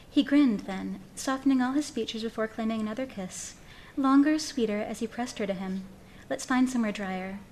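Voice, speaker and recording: A woman reading a piece of fiction aloud in an expressive, dramatic storytelling manner. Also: on the high side, slight background noise. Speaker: story reader.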